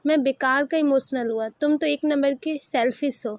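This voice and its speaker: Lady doing a sulky tall young guy, whiny and quick, high voice. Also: dry recording. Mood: sulking. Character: tall, dramatic, sulking young man.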